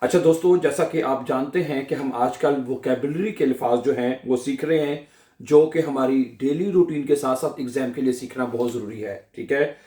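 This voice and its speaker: A male language teacher giving a slow classroom lesson, drilling each word and phrase over and over and asking his viewers questions before he answers them. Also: mid-range voice, warm tone, reverberant. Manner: drills words slowly, repeating each phrase.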